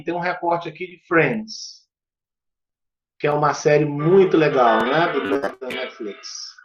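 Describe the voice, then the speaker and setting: A man teaching English in an online lesson, explaining step by step and repeating short phrases aloud. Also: sits high. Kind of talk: online lesson with screen demo. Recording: echoey room, dull lo-fi sound.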